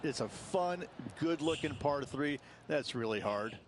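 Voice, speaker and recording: Working as a course analyst on a golf broadcast, a man comments in a conversational but emphatic way. His voice sits on the high side, expressive and unhurried, with clear ambient noise in the background.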